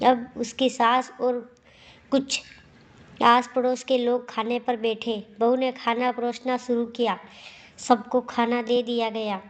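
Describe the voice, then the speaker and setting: A woman tells a family story in scripted narration. Her fairly high voice stays level and unhurried, line after line. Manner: slow, even storytelling.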